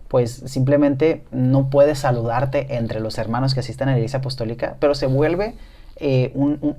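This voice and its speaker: Male podcast co-host, warm dark tone, reflective explainer. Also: mid-range voice. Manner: reflective, explains at length with restarts. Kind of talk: casual discussion.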